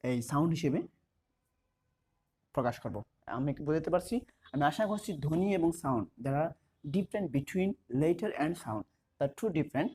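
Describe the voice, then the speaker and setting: A man teaching a class, repeating key terms slowly as he writes them out. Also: a little high, darkish tone, husky. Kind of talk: explanatory class lesson.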